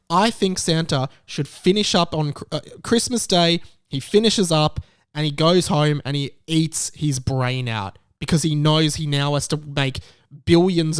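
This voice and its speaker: A young Australian YouTube commentator rants about a news story, emphatic, exasperated and comically indignant. His voice is a little high and his pace moderate, recorded dry at studio quality.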